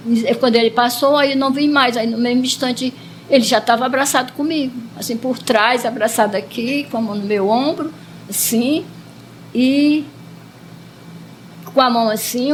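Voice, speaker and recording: A woman's voice: fairly high pitch, moderate pace, slight background noise, low-quality recording. A Brazilian woman who is a parishioner, telling her personal healing testimony with earnest, repetitive storytelling, her emotion at times breaking through. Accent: Brazilian Portuguese.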